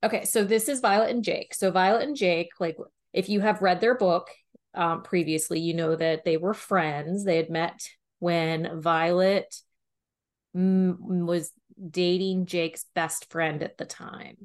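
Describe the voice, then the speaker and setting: A Pennsylvania woman with a lowish voice co-hosts a podcast reviewing romance books, chatting casually and animatedly. She uses "like" constantly and laughs often and quickly.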